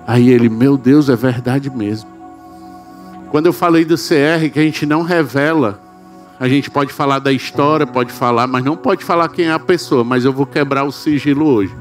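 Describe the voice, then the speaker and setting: A man's voice: medium pitch, fairly quick, faint music behind. A man with a Brazilian Portuguese accent, preaching a sermon and telling a story in a dramatic, emotional way.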